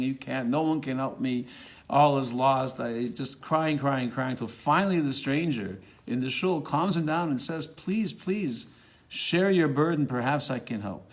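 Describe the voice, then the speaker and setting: Guy telling a story, mid pitch, gets lively on the quotes, some uhs and restarts. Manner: animated, rising for quoted dialogue, with fillers and restarts. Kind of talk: spoken storytelling.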